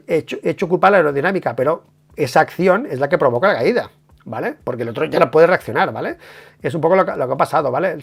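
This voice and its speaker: A man with a Spain Spanish accent, giving a casual, emphatic live stream analysis of a motorcycle race, swearing and tagging his points with quick questions. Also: a little high, creaky, husky. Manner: animated, emphatic, swears, many tag questions.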